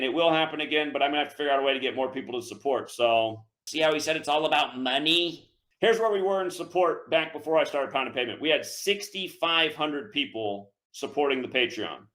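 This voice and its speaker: Bright-voiced man ranting on his show. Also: mid-range voice. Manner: repetitive, aggrieved ranting with frequent profanity; stammers and repeats words. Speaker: online sports betting show host. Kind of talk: casual livestream monologue.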